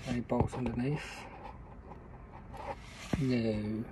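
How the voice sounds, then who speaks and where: A man's voice: medium pitch, level tone, slow. A man, talking casually on a phone camera outdoors while he works on a car engine and thinks aloud. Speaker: mechanic vlogger. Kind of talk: casual work vlog. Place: outdoors beside a car with the bonnet open. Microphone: phone camera held close. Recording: outdoor ambience noise behind the voice.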